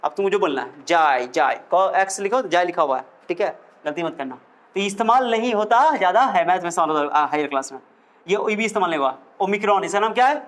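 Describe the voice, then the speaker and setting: Guy teaching physics, pretty high voice, keeps quizzing the class. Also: quick pace. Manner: lively, coaxing, quizzes students with questions. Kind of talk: classroom lecture.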